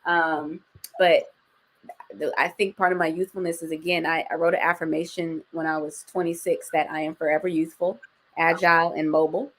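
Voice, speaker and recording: A woman's voice: deep voice, level tone, fairly quick, a bit bright. A woman in her forties, a guest talking casually and outspokenly, with slang and some swearing. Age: 40s. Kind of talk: casual interview chat.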